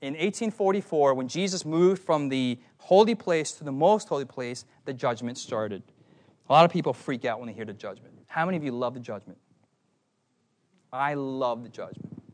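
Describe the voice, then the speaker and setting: A young man preaching a sermon, animated and often asking his listeners questions. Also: mid-range voice, moderate pace. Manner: animated, asks the audience questions.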